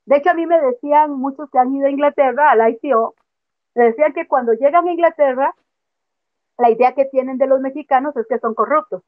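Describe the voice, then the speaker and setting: A woman with a voice that sits high speaks briskly as a guest interviewed over a video call. A former member, she gives frank, emphatic testimony and laughs off sensitive points, heard through dull, dry call audio with no echo.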